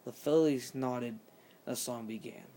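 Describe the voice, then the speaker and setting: A man reading a horror story aloud, halting and often restarting mid-sentence. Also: mid-range voice, mellow, slight background noise. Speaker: channel host reading horror stories.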